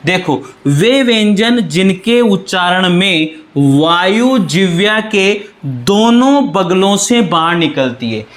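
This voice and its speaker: Male tutor, Rajasthani Hindi accent, high voice, drills terms with repeated questions. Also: animated, slow, few pauses. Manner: addresses students as companions, reassuring. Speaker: Hindi grammar teacher. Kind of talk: classroom lecture.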